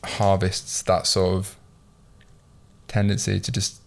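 Low flat-voiced man in his twenties. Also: slow, gravelly. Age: 20s. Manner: casual, swears freely, self-reflective. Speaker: podcast host. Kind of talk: casual chat.

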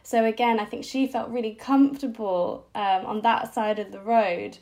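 A woman's voice: a little high, fairly even intonation, moderate pace, darkish tone. A woman, a podcast guest recalling her childhood in a reflective, hesitant way with many fillers. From Singapore-born, raised abroad. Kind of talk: personal storytelling interview.

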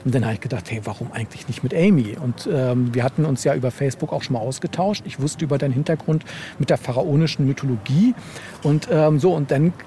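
A man talks as a novelist in an interview, sharing anecdotes casually but haltingly, repeating words and tacking on frequent question tags. His mid-range voice is mellow, with a faint hiss or hum in the recording.

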